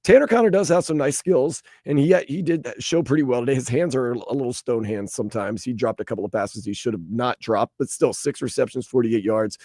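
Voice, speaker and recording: A man's voice: brisk, hardly any pauses, dry recording, studio quality. A man hosting a postgame sports call-in radio show, talking players and taking calls. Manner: animated, pitches the phone number.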